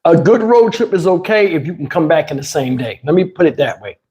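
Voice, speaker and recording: A livestream host talks a bit quickly in a fairly high voice with a dark tone. He chats loosely with viewers, rambling in slang and cursing freely.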